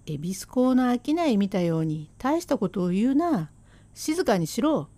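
A woman doing a gruff blustering Edo shopkeeper. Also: medium pitch, sing-song, unhurried, no echo. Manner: rough Edo slang, blustering then hushing. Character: swaggering Edo shopkeeper husband, gruff and defensive. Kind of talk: rakugo storytelling.

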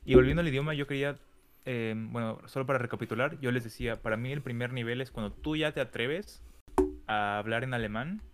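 Co-host, man, relaxed chat, talks right to listeners. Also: medium pitch, fairly quick, clean tone. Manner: conversational, addresses listeners directly. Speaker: podcast co-host. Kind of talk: casual chat.

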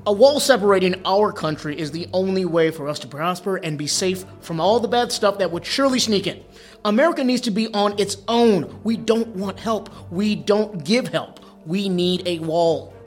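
Man doing a fake-doctor pundit, high voice, ranting, faint music behind. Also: normal speed, lightly acted. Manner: ranting, self-serving.

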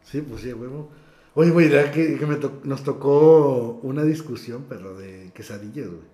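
A young man with a northern Mexican accent telling a story in casual, slang-heavy chat, often trailing off quietly at the ends of lines. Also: mid-range voice, normal speed. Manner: slangy, drops "güey" constantly, trails off quietly. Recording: echoey room.

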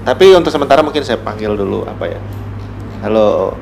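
Speaking as a guest on a podcast, this writer, a man with a Gorontalo Indonesian accent, explains reflectively in a casual interview and often hunts for the right words. He sounds animated and creaky, on the low side, talking fairly quickly, with noticeable room noise and ambience around him.

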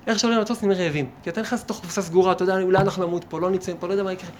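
A man, a rabbi, giving a lively Torah lesson, firing rhetorical questions at his listeners and acting out imagined conversations. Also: high voice, a little hiss or hum. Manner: animated, asks many rhetorical questions and acts out imagined dialogues. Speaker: rabbi teaching a class.

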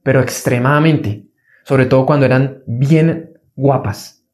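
Speaking a little slowly with a darkish tone and fairly even intonation, this man delivers an earnest motivational self-help talk. He hammers home key phrases through repetition, and he voices a fearful inner voice at a higher pitch.

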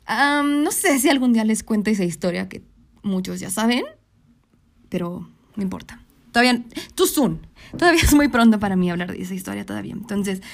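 A young adult Mexican woman, the host of a podcast, tells a story about her own life in casual, candid speech full of swearing. She often acts out what people said. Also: a little high. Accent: Mexican Spanish. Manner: candid, profane, animated, quotes people in acted voices.

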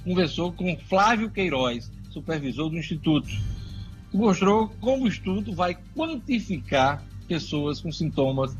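Higher-voiced male news host. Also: expressive, unhurried, muffled recording, faint music behind. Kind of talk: live news reading with informal comment.

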